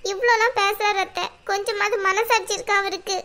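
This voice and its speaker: A woman's voice: very high-pitched, steady tone, brisk, pushed and bright. A woman voicing an anxious, pleading young wife in a cartoon. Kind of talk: cartoon voice acting.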